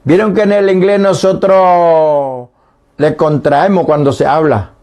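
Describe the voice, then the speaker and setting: Slow, patient radio teacher man. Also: fairly high pitch, fairly even intonation, a little mellow. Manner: slow, patient explanations, demonstrating sounds aloud. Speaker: Guarani language teacher. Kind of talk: radio language lesson. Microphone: radio studio microphone.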